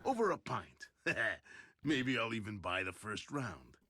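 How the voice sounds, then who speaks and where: A roguish video game fixer, chummy and sly. His low voice swings up and down in a slow, lively way, with clear noise behind it. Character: roguish fixer, sly old friend of a thief. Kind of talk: video game character dialogue.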